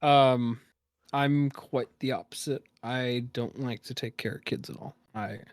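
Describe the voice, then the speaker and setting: A man's voice: medium pitch, steady tone, a little slow, no echo, studio quality. A young man co-hosting a casual podcast chat, telling work stories with sarcastic humor and frequent laughs. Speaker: podcast co-host.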